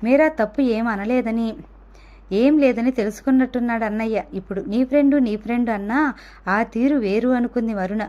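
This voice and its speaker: A woman narrating an audio novel in a steady, even reading voice. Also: a little high, brisk, highs cut off.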